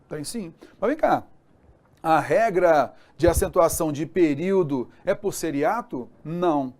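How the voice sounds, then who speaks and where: A man's voice: a little high, a little mellow. Chatty Brazilian man teaching grammar. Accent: Brazilian Portuguese. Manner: chatty, repeats checks like "beleza?" and "tá?". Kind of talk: exam-prep grammar lesson.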